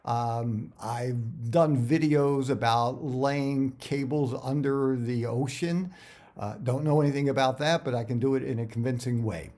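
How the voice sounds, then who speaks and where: A middle-aged man with a medium-pitched, slightly mellow voice gives career advice straight to viewers. He's casual and conversational, halting often and repeating words as he goes.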